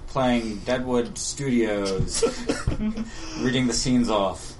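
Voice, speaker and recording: A man's voice: medium pitch, very slow, recorded from a distance, noisy background. A man co-hosting a podcast, chatting casually and trailing off as he recalls things. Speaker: podcast co-host. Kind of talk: casual chat.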